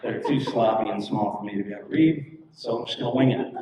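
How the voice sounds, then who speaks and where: A man's voice: fairly low pitch, fast, very noisy. A man hosting a church small-group leaders' meeting, talking in a casual, rambling, self-deprecating way. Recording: echoey room from a distant mic.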